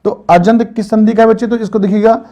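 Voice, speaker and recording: A man's voice: high-pitched, steady tone, quick pace, mellow. A man teaching an online grammar lesson, patiently asking and answering questions for his students over and over. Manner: patient, repetitive quizzing of students.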